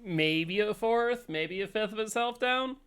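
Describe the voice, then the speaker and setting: A man's voice: high-pitched, unhurried, fairly bright tone, clean tone. A young man giving casual, chatty, self-deprecating commentary while playing a game on stream. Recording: streamed with game music behind. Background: game music.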